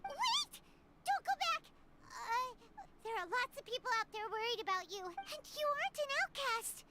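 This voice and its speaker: A tiny, excitable fairy companion pleads in an extremely high, squeaky, childlike voice. The delivery is earnest and exclamatory, with big swings in pitch, as in a video game. Loud noise runs through the stream recording. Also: female voice, normal speed. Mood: pleading.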